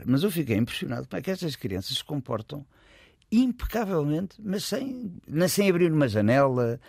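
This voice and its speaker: A man's voice: mid-range voice, vocal fry, husky, no echo, clean studio sound. A man with a European Portuguese accent telling a story in casual conversation, rambling and correcting himself as he goes. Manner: rambling, self-correcting, chuckles while telling. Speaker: guest storyteller.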